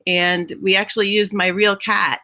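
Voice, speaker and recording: A woman's voice: medium pitch, level tone, moderate pace, bright, forceful tone, no room sound. A woman in her fifties with a slight Minnesotan accent, chatting as an interview guest over a video call from home, laughing often and restarting sentences. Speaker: guest, Broadway head of props. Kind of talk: casual interview chat.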